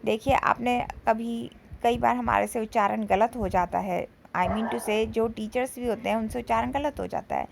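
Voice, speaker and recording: A woman with an Indian accent teaching an English vocabulary lesson, saying each sentence in Hindi and then repeating it slowly in English. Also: on the high side, fairly even intonation, gravelly, a little hiss or hum, poor audio.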